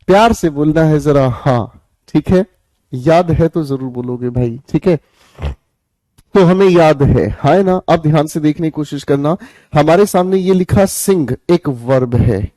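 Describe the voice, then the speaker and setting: A man's voice: a little high, unhurried, warm tone, no room sound. Coaxing, playful male teacher. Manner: coaxing, repeats questions and answers them himself; jokey, scolds students playfully. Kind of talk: live online grammar class.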